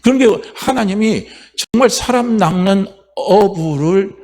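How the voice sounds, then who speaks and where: A man preaching a Sunday sermon as pastor, repeating phrases and asking the congregation questions, swinging from loud calls to low asides. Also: expressive, a little slow. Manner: repetitive, call-and-response questions to congregation. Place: church sanctuary.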